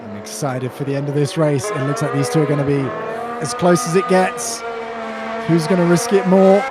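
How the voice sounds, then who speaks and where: A man giving excited, urgent live play-by-play commentary on a sim race in short, clipped phrases. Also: on the high side, moderate pace, heavy background noise.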